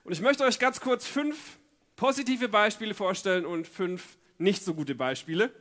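A man preaching a sermon, telling stories earnestly with lively emphasis. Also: high voice, moderate pace.

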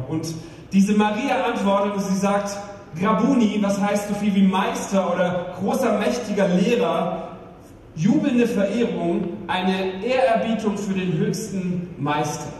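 A man preaching an Easter sermon as pastor, emphatic, with rhetorical questions and slowed-down stresses. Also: high-pitched, darkish tone. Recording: echoey hall, distant mic, faint room noise.

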